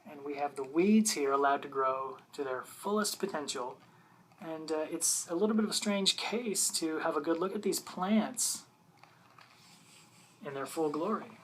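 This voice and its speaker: ASMR role-play, patient bookish librarian, androgynous mid-pitched voice, soft hesitant delivery, faint ambient noise. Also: poor audio. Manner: soft-spoken, hesitant, unhurried explaining. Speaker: librarian showing gardening books.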